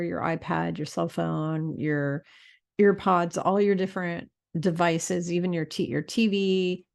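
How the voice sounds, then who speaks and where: Gravelly-voiced woman in a chatty vlog. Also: fairly low pitch. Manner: chatty, rambling, frequent fillers and restarts. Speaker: spiritual vlogger. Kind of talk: casual talk to camera.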